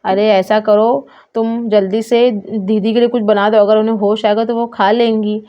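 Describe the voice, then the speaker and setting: A woman's voice: mid-range voice, level tone, moderate pace, lightly acted. A woman voicing a worried grown man who pleads with a doctor and grumbles about her fee, in a doll story. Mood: scolding. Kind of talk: doll story role-play. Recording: dull lo-fi sound.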